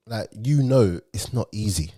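A man's voice: on the low side, animated, moderate pace, mellow. A man with a London roadman accent hosting a slangy, casual podcast chat, speaking emphatically and encouragingly and often repeating himself. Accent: London roadman, multicultural urban London. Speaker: podcast host.

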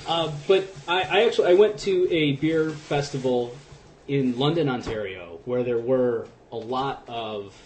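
Male podcast co-host, mid-pitched, laid-back rambler, faint hiss. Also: a little slow. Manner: relaxed, rambling with fillers. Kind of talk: casual chat.

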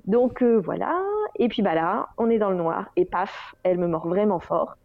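A woman's voice: medium pitch, normal speed, no echo. A woman in her thirties, a guest in an interview, talking candidly with many hesitations and wry self-mocking humor. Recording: slightly dull dry recording.

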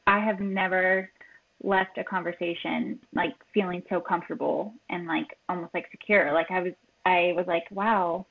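A woman's voice: on the low side, steady tone, normal speed, creaky. A woman guest in a casual chat, speaking earnestly and giving direct advice. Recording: tinny phone line.

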